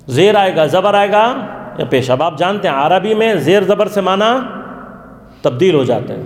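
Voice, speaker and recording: A man with a high voice gives a religious lesson to a class, posing questions and then answering them himself. He is heard in a roomy hall with a long reverb trailing after each phrase. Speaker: religious teacher. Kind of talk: interactive lecture.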